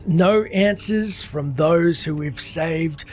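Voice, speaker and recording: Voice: mid-range voice, takes it slowly, a little hiss or hum. A narrator telling a video game's story in formal, scripted storytelling style. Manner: formal storytelling in first person plural.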